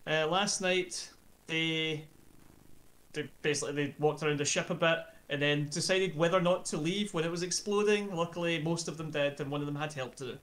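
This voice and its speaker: A woman hosting a tabletop game stream as game master, chatty and quick with asides and laughter. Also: low-pitched. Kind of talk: casual stream intro.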